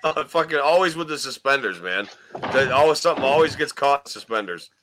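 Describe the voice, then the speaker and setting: A man's voice: mid-range voice, expressive, a little fast, background noise. A man hosting a casual podcast and reacting to clips in a sweary, slangy, rambling way. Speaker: podcast host.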